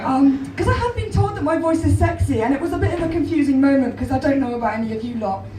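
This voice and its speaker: A hoarse, croaky-voiced English woman in her twenties performs a self-deprecating, deadpan stand-up set, her voice sitting high and her pace quick. She uses a handheld stage mic in a small comedy club, filmed from far back in the crowd. The echoey, distant recording carries slight background noise and faint audience laughter.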